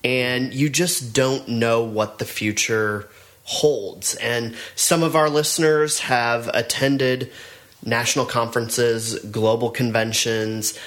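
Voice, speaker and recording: A middle-aged man, a business network trainer, co-hosts a casual podcast chat. His medium-pitched voice has a fairly bright tone. He comes across as earnest and encouraging, with frequent restarts.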